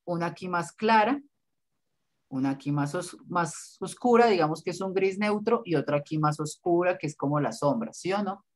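A man's voice: high voice, animated, moderate pace. Man, design teacher, lecturing and correcting bluntly, no-nonsense. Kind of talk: online class feedback.

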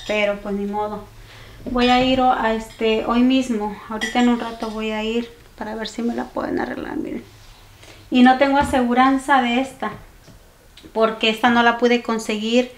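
A vlogger in her forties with a fairly high-pitched voice chats with her viewers, whom she calls "mis chicas", exclaiming as she moves through her home kitchen and dining room. Filmed on a tripod camera and a handheld one, the home vlog has clear kitchen clatter.

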